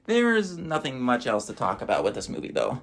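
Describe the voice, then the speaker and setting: A man's voice: mid-range voice, wildly swooping pitch, a little fast, a bit bright. A man giving a casual, wry voice-over review of movies he watched, with dry asides.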